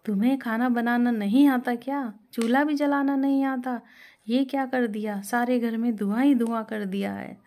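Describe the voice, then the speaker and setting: A woman voicing a harsh, greedy older mother-in-law who scolds and taunts in a raised, shrill voice. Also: steady tone, a little slow, a little mellow, natural voice. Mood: scolding.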